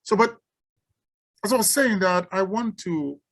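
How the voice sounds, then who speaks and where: This researcher from Cameroon, speaking with a Cameroonian accent, delivers an unscripted symposium talk and answers questions. Her medium-pitched voice is animated yet unhurried, and she often trips over and repeats words.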